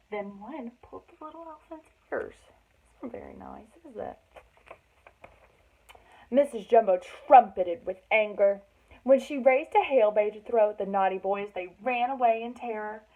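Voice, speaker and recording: Through thin, phone-like audio, a woman with a mid-range voice reads a children's story unhurriedly. She adds dramatic emphasis for young listeners and breaks in with chatty asides.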